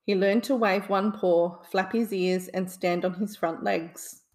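A woman reading a children's bedtime story aloud. Her delivery is gentle and soothing, the calm pace of a storyteller settling listeners for sleep. Her pitch sits in an ordinary middle range. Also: measured pace.

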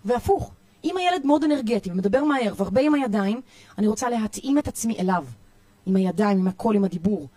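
Woman, Israeli accent, youth coach, energetic, emphatic lists, dry close sound. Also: medium pitch, no echo. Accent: Israeli Hebrew. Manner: energetic, repetitive, emphatic listing. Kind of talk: podcast interview, giving parenting tips.

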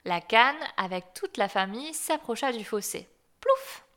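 A woman's voice: on the high side, expressive, normal speed, a bit bright. Woman narrating a fairy tale. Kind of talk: storybook reading.

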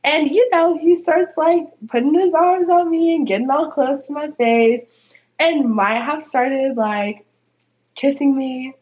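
A woman's voice: high voice, measured pace, darkish tone, dull audio. A young woman telling a story in a casual podcast chat, full of fillers and giggles. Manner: chatty, lots of fillers, giggly. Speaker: podcast guest.

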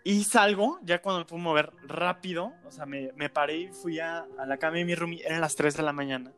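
A man's voice: fairly high pitch, fairly quick, faint music behind. A man with a Mexican accent tells a personal story in casual speech, packed with slang and fillers like "este" and "¿no?". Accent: Mexican Spanish. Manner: animated, colloquial, filler-heavy with frequent "este" and "¿no?". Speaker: storyteller guest.

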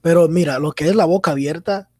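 A man's voice: fairly high pitch, quick pace, no room sound, clean studio sound. A man who takes church photos, chatting casually on a podcast and laughing often.

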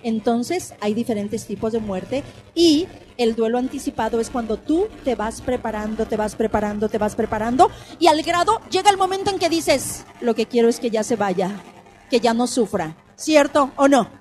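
A middle-aged Mexican woman hosting a radio talk on grief, animated, repeating phrases for emphasis and asking the listeners questions. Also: fairly high pitch, normal speed. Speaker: radio host and thanatology speaker.

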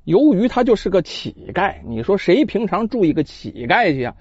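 A man tells an old tale in traditional storytelling style, his pitch swooping with energy and his asides chatty and direct. The recording is close and dry with a slightly muffled top end. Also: moderate pace, husky, no room sound. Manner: animated, chatty asides to listeners.

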